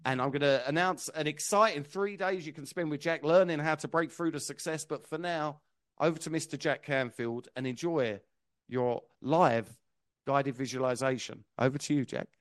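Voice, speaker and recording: Higher-voiced man hosting a live event. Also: fairly quick, a bit bright. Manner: enthusiastic, building up announcements. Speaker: event host.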